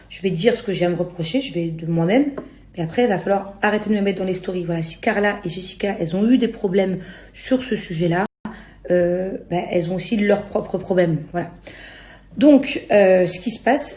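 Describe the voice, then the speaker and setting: A woman's voice: lowish voice, mellow. A young adult woman from France talking casually to her followers, exasperated and justifying herself in colloquial slang. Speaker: reality TV personality. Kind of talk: casual spoken rant to followers. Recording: roomy echo on the voice.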